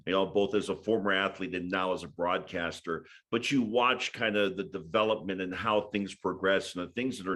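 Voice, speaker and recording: Low-voiced Hawaii-raised man. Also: fairly bright tone. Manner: thoughtful, many fillers and restarts. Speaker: podcast guest, sports broadcaster. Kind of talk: casual interview chat.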